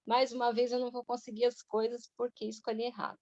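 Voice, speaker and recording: A woman's voice: fairly high pitch, fast talker, dry recording, highs cut off. Brazilian woman sharing a testimony. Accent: Brazilian Portuguese. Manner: lively storytelling full of reported speech. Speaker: member of a church women's group. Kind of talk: personal testimony shared with a group.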